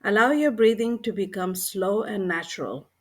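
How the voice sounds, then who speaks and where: A woman with a mid-range voice narrates a scripted guided meditation. She sounds calm and gentle, speaking in short, unhurried phrases with pauses in between.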